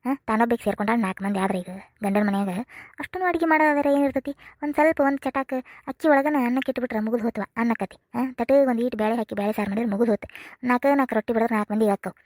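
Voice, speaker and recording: A woman's voice: on the high side, rapid-fire, darkish tone, no echo, studio quality, close to an everyday voice. A woman voicing a fussy, doting middle-aged village mother in a cartoon comedy, with a North Karnataka accent and a chattering, dramatic way of talking. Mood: grumbling. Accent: North Karnataka Kannada. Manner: chattering, dramatic, rhetorical questions.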